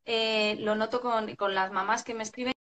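Woman, slightly high voice, parenting expert explaining with examples, live-chat guest. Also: steady tone, moderate pace, fairly bright tone. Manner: explanatory, acts out family scenes. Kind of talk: live video chat advice.

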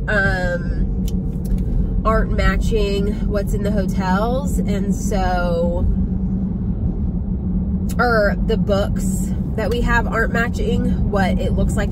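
Chatty woman vlogging from her car. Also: mid-range voice. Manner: chatty, rambling with many ums and likes. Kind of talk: casual car chat. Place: inside a car. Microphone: phone camera on dashboard. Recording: phone recording in a moving car with road noise. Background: car and road noise.

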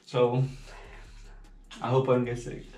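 A man's voice: medium pitch, monotone, measured pace, a little mellow. A young man chatting casually and reluctantly to camera in a vlog, swearing and exclaiming in slang. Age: young adult. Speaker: vlogger doing a challenge. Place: small tiled home bathroom. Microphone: camera set a few feet away. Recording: echoey bathroom, distant mic, noisy.

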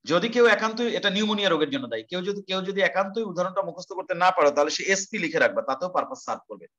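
A man's voice: high-pitched, expressive, very fast, pushed and bright, dull audio. A male teacher giving an online class lecture, explaining step by step, repeating terms and asking rhetorical questions.

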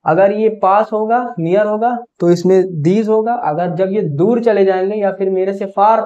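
A male teacher gives exam students a grammar lesson, explaining step by step and slowing down to spell out example sentences. His voice is high-pitched and mellow, and the audio sounds dull.

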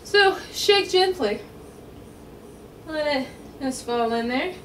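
High-voiced, jokey young woman cooking at home. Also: lively intonation, slow pace, fairly bright tone, slight background noise. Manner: jokey, punny, chatty. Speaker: cooking vlog host. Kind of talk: casual cooking vlog to camera. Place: home kitchen, indoors.

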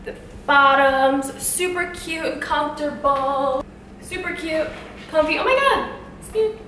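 Here a twenty-something woman speaks in a high, expressive voice with a sharp tone and a slow pace, and a faint hiss or hum sits under the audio. As host of a home cooking vlog, she makes relaxed, chatty conversation in her kitchen and talks sweetly to her pets. Music plays in an echoey room.

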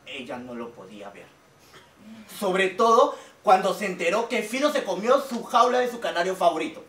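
A man's voice: high-pitched, big pitch swings, normal speed, fairly bright tone. An actor playing a fussy, earnest man who dotes on his strange pet, exclamatory and solemn in a stage comedy. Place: small theatre stage indoors. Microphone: distant camera. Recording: echoey, distant stage recording with noise.

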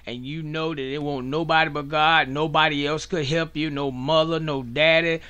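A man's voice: a little high, steady tone, moderate pace, sharp tone, clear, resonant tone. A man, a pastor hosting a radio show, preaching in a rhythmic cadence and punctuating his points with frequent amens.

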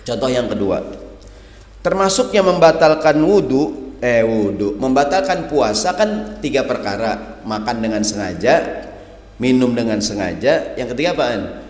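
A man preaching a lively, humorous sermon to a live audience, often acting out the people who come to him with questions. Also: mid-range voice, unhurried. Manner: animated, acts out questioners, addresses audience as hadirin. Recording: echoey hall with long reverb.

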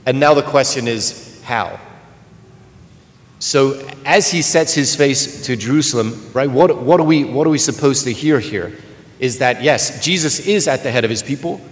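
A man's voice: mid-range voice, normal speed. Clergyman in a cathedral echo. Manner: earnest, searching, with frequent restarts. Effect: long cathedral-like church echo. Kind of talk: gospel reading and homily. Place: large church. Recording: long church reverb, faint room noise.

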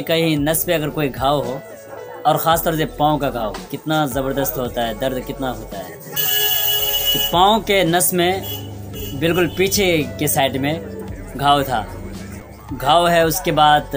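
A young man earnestly recounting a personal memory, reflective, pausing and restarting as he talks. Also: a little high. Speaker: storyteller vlogger. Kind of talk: personal storytelling vlog. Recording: sad background music underneath.

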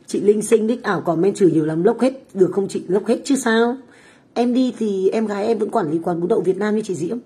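Woman, middle-aged, foul-mouthed, taunting livestream chat, mellow dark tone. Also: mid-range voice, fairly quick. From Vietnam. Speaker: livestream host, food stall owner. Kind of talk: casual livestream chat with viewers. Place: home kitchen, abroad.

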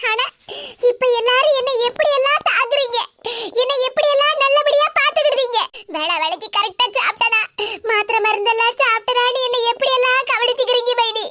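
Squeaky tearful young wife, voiced by a woman. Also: brisk, noisy background. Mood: tearful, remorseful. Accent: Kanyakumari Tamil. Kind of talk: animated cartoon comedy dialogue.

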